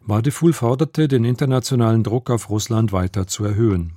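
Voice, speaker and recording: A man reading the radio news in a measured, formal studio delivery. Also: fairly low pitch, mellow, no echo. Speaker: newsreader.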